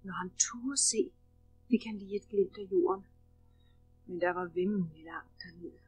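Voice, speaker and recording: A woman narrating a children's storybook in a lively, expressive way. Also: medium pitch, slightly rough, highs cut off, faint music behind. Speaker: audiobook narrator.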